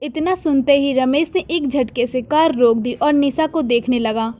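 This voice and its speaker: A woman reading a moral story aloud in an even, storybook manner. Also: high voice, a little slow. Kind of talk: scripted story narration.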